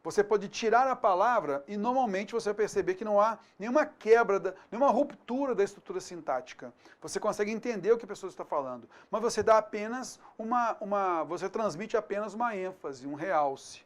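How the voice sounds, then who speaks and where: A man with a Brazilian Portuguese accent teaching a grammar lesson for an exam prep course, colloquial and lively, checking in with quick tag questions. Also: high voice. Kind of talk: recorded video lesson.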